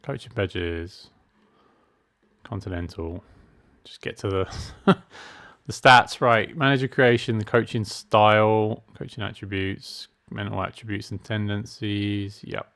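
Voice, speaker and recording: A middle-aged gaming streamer talks at a slow pace in a lowish, fairly bright voice with fairly even intonation. His let's-play commentary stays casual and self-mocking as he reads the menu options out loud.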